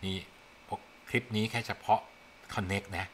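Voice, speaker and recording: A man's voice: sits low, fairly even intonation, slow, fairly bright tone, a little hiss or hum. A man giving a casual programming tutorial, talking the viewer through his screen, thinking aloud and coaxing them along. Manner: chatty, coaxing, thinks aloud while typing. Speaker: programming instructor.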